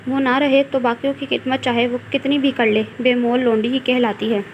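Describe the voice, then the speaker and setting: A woman's voice: a little high, flat delivery, normal speed, muffled recording, slight background noise, close to an everyday voice. A woman reading the lines of a brooding, bitter young village man in a read-aloud story. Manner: bitter, sulky retorts.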